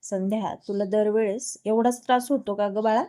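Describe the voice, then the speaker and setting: A woman's voice: medium pitch, fairly even intonation, moderate pace, dark tone, close to an everyday voice. A woman storyteller voices a kind older mother-in-law who speaks soothingly to her daughter-in-law. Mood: caring.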